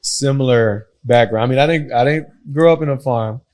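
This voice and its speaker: Raised between Haiti and Miami, this man hosts a podcast interview, relaxed and affirming, and tends to repeat himself. His voice is medium-pitched and darkish, at a normal pace.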